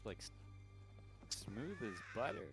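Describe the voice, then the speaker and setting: A man's voice: lowish voice, very animated, takes it slowly, a bit bright, soft background music. A man playing a co-op game, talking casually with a laid-back, teasing manner. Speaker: gamer playing co-op. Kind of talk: casual gameplay banter.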